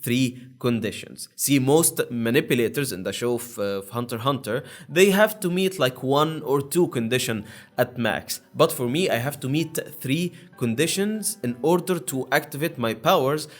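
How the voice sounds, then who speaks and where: A man's voice: mid-range voice, lively intonation, normal speed, soft background music. A young man hosting his own channel, explaining in a casual, rambling monologue with many fillers and restarts. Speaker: YouTube channel host.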